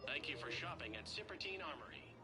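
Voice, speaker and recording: An actor voicing a male shop announcer over a public-address loudspeaker, giving a polite, even advertising message. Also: on the high side, a little fast, over music.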